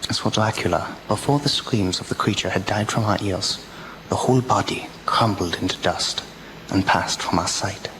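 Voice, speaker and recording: An actor playing a grave witness giving a solemn report in measured, formal radio drama narration. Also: male voice, fairly low pitch, close to an everyday voice. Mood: solemn, awed. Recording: clear background noise.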